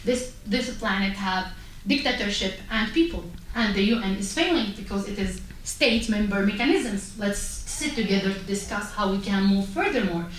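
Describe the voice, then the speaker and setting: A woman's voice: medium pitch, moderate pace, hardly any pauses. A woman from Syria, speaking passionately and emphatically at a panel, pressing rhetorical questions. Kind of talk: impassioned panel talk. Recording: echoey hall, distant mic, faint noise.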